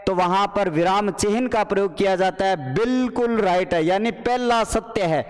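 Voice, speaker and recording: A man teaching a playful, animated online Hindi exam class. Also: high-pitched, moderate pace, clear, resonant tone, long reverb tail. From Rajasthan. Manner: animated, playful, addresses students as children and brothers. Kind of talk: live online exam paper solution class.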